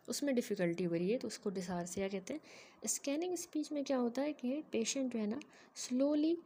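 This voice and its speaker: A woman giving a methodical, explanatory medical lecture, often pausing to check in with her students. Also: a little high, mellow. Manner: methodical, keeps checking in with "ठीक है".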